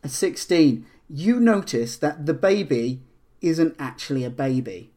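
Halting male game master. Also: a little high, lively intonation, warm tone. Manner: halting, full of fillers and restarts. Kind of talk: narrating a tabletop game.

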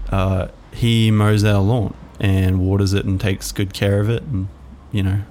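Low, flat-voiced man musing. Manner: musing, halting, many fillers. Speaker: podcast host. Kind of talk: reflective solo podcast monologue.

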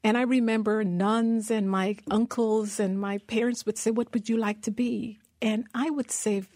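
A woman's voice: a little high, fairly even intonation, normal speed, a little mellow, no echo. A middle-aged woman from Guyana, a guest in an interview, telling her story earnestly. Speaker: guest, managing director. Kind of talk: interview conversation.

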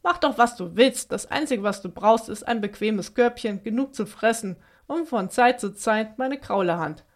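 An aging storybook witch, lonely and stubborn, who scolds in a huffy way, put on by a woman reading aloud. She talks with a slightly raised pitch and swings quickly between grumbling and begging. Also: expressive, natural voice.

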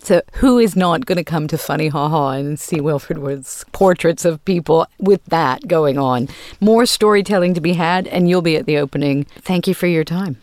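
Woman, low pitch, interviewer, arts interview style. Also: normal speed, hardly any pauses, darkish tone.

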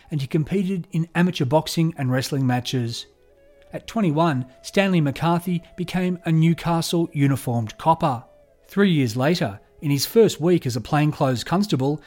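Man narrating true crime. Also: on the high side. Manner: measured, even storytelling delivery. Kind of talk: scripted narration.

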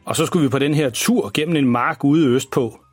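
A man's voice: medium pitch, husky, no room sound, soft background music, close to an everyday voice. A man playing an embarrassing, boastful father who rambles through tall tales in a children's story. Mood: rambling. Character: boastful, embarrassing dad, tall-tale teller.

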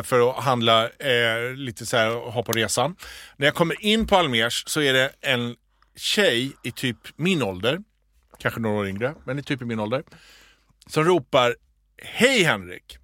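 A man co-hosting a podcast, telling a story in a casual, animated way and acting out the voices he quotes. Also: medium pitch, dry recording, studio quality. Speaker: podcast co-host.

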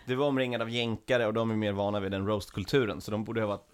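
A man co-hosting a comedy podcast, calm and measured as he introduces the show. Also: fairly low pitch, clear, resonant tone. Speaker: podcast co-host, improv comedian. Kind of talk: casual podcast chat.

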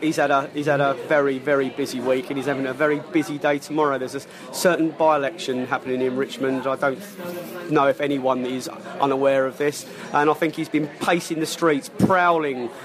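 A man's voice: fairly high pitch, moderate pace. Wheezy Englishman hosting in a busy pub. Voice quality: wheezy, chesty. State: lingering cough from a cold. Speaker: podcast host. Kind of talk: casual podcast chat. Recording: lively pub chatter behind.

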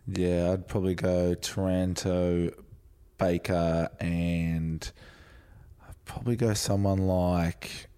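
A man's voice: low voice, level tone, slow, dark tone, smooth. An Australian man co-hosting a sports podcast, chatting casually in laid-back, blokey Aussie slang. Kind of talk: casual footy podcast chat.

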